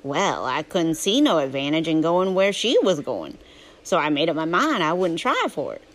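A woman's voice: low voice, very animated, normal speed, pitched below the performer's own voice. A woman voicing Huckleberry Finn, a plainspoken, restless boy narrating a storybook in a folksy, drawling Southern US accent. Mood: matter-of-fact, defiant. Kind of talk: first-person storybook narration.

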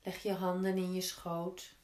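Slow-speaking woman guiding yin yoga. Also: lowish voice, monotone. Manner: gentle, unhurried step-by-step guiding with pauses. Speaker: yoga teacher. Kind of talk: guided yin yoga instruction. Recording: roomy, echoing indoor sound.

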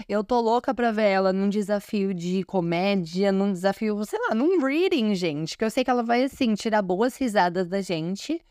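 A woman's voice: medium pitch, darkish tone, clear, resonant tone, no room sound, clean studio sound. A woman podcast host with a Brazilian Portuguese accent, chatting in an effusive, gushing fan recap full of fillers. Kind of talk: casual fan recap commentary.

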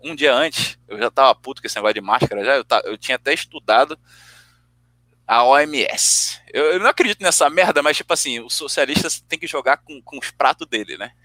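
A young man telling a story in casual chat, swearing often and acting out the arguments with animated quoted dialogue. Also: mid-range voice, a little fast, dry recording. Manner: animated, profane storytelling, acts out both sides of arguments.

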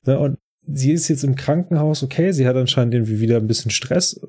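A man's voice: medium pitch, quick pace, warm tone. A man hosting a podcast, chatty and rambling as he casually retells an episode. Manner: chatty, rambling, many fillers. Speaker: podcast host.

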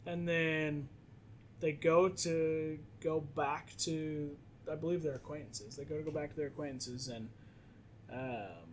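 A fairly high-voiced man recaps a film for a co-host in loose, casual podcast talk. He jumps into the characters' voices as he retells scenes. A faint rumble sits under the recording. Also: a little slow. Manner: animated retelling, acting out characters' lines.

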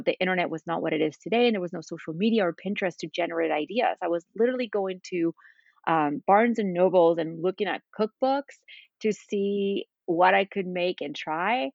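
A woman in her thirties from Spain talks in a low voice with a gravelly edge, chatting loosely as a podcast guest and using many fillers. The dry, dull, lo-fi sound suggests a remote recording with no room echo. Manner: chatty, rambling with fillers and asides. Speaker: podcast guest, cooking creator. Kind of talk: casual interview chat.

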